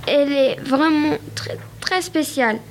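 Timid stammering rabbit, male, high-pitched, read by a woman. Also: a little slow, a little hiss or hum. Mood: nervous. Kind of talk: storybook read-aloud.

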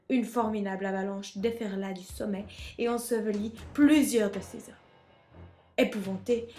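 A woman reading a children's storybook aloud in an expressive, measured way. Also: mid-range voice.

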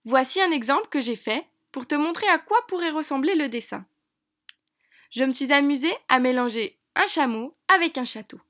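High-voiced woman teaching young children. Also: expressive. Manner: bright, encouraging, speaks slowly to a child. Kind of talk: children's lesson narration.

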